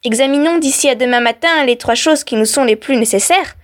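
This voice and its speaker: Woman doing a peasant wife, shrill, high, melodramatic, radio storytelling. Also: brisk, close to an everyday voice. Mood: pleading.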